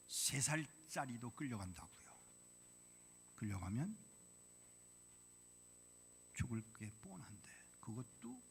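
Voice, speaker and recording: A male missionary preaching a sermon in a church, blunt and provocative with the congregation, swinging from hushed whispers to loud outbursts. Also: mid-range voice, a little hiss or hum. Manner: dramatic, drops to whispers then bursts out loudly. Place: church sanctuary.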